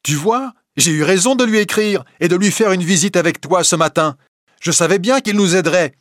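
A man reading the part of a young wife in a storybook reading, raising his voice high and tight for her. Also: normal speed, dry recording, clean studio sound, lightly acted. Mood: excited. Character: young wife, nervous then defiant.

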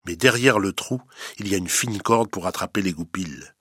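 A man narrating a storybook, reading with clear, steady delivery and lively emphasis. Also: low voice, moderate pace, dry recording, clean studio sound.

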